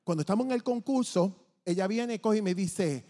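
A man giving a testimony from the pulpit, telling his story in an animated way and acting out the dialogue. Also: high-pitched, moderate pace. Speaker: church testimony speaker. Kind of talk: testimony preaching. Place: church sanctuary. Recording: long church reverb.

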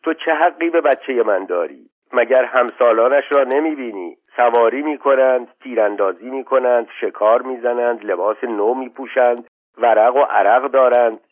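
A man's voice: mid-range voice, lightly acted. A man voicing a nomad mother who pleads and wails in defense of her son. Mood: pleading. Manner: wailing, pleading. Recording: tinny lo-fi phone-like sound.

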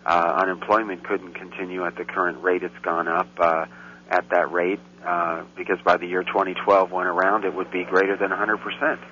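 This man, a guest commentator in casual Central European radio talk, has a low, sharp voice with little pitch movement and a slightly quick pace. He rambles and gets worked up and indignant, heard through a dull, lightly hissing recording.

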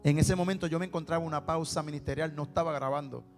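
A man's voice: a little high, fairly even intonation, racing. A man with a Puerto Rican accent preaching a sermon as a personal testimony, telling his story and acting out the dialogue. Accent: Puerto Rican Spanish. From Puerto Rico. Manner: storytelling, acts out dialogue, repeats words for emphasis. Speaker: preacher and singer. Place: church sanctuary. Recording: long hall reverb with faint music.

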